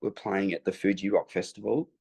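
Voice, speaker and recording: A man with a low, gravelly voice and a husky edge recounts his touring days as an interview guest. He talks in a rambling, hesitant way, circling back and restarting as the story unfolds. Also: steady tone, a little fast, darkish tone. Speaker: guest musician. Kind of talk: interview anecdote.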